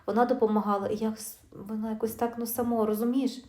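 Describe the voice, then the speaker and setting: A woman voicing a middle-aged husband who makes halting excuses for his double life, with her own voice in a roomy room. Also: on the high side, little pitch movement, darkish tone, natural voice. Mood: sheepish. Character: man, cheating husband explaining himself. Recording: roomy echo.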